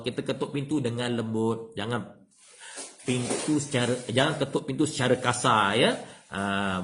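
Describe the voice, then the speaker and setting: A man with a Malaysian Malay accent teaching an evening religious class over a livestream. His delivery is animated, jumping up in pitch to act out exchanges and dropping low for asides, with frequent "ya" and "ha". A faint hiss and occasional clicks sit under the voice. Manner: animated, acts out dialogue, many "ya" and "ha" tags. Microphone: livestream microphone.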